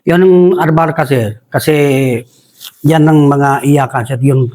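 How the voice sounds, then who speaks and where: A retired soldier from Basilan in the Philippines speaks slowly in a slightly high, somewhat mellow voice. He tells a war story in a rambling way with restarts, staying respectful and calling the host "Sir" constantly.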